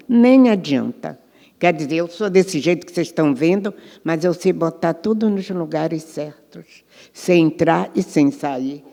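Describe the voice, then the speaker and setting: Older woman, from Rio de Janeiro, deliberate teaching talk, unhurried, reverberant event hall. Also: on the low side, warm tone. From Rio de Janeiro, Brazil. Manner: slow, deliberate teaching with spoken examples. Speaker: guest speaker, elder of an Afro-Brazilian religious tradition. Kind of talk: panel talk. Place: cultural center event hall.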